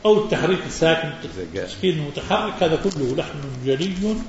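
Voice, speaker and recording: A man giving a religious lesson and answering questions from listeners, his voice sitting a little high. He speaks with emphatic, animated stress, acting out mispronunciations. The recording is muffled and swims in heavy hall echo, with faint background noise. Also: fast.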